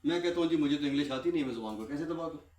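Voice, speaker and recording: A guest speaker with a fairly high, slightly mellow voice gives an impassioned classroom talk to trainees. He poses rhetorical questions, answers them himself, and repeats a lot. The room echoes and the mic is far away.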